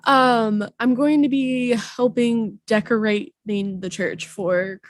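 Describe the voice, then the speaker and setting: Woman podcast co-host, getting over a cold, very slow unhurried delivery, close dry mic. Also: on the high side, steady tone, no room sound. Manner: slow, drawn-out talk with frequent pauses. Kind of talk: casual chat. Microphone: podcast microphone.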